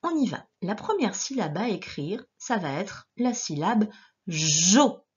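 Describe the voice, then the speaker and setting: A woman teacher giving a dictation lesson to young children, sounding out each syllable slowly and clearly. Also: mid-range voice, very animated, a little mellow, dull audio. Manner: slow, clearly articulated syllables with gestures.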